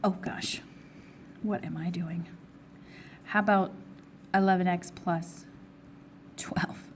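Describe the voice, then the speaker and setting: A woman teacher with a hoarse, fading voice, working step by step through a recorded math review and asking herself questions before answering them. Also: fairly low pitch, steady tone, takes it slowly, slight background noise. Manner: steps through problems, asking and answering her own questions. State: hoarse, losing her voice, with coughs. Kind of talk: recorded test review lesson.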